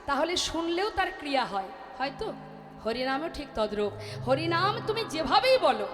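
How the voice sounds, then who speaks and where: High-voiced Bengali woman preaching in echoey hall. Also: very animated, normal speed, over music. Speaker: kirtan singer and preacher. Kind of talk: devotional chanting and spoken sermon.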